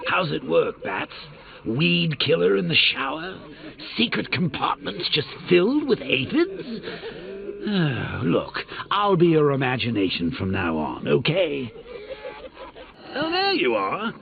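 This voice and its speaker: An actor playing a gleefully sadistic clown supervillain in a video game, theatrical and mocking, with a creaky voice. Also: male voice, on the high side, wildly swooping pitch, full character voice. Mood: sardonic. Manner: theatrical, mocking, drawn-out phrasing with cackles. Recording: muffled game audio under loud music.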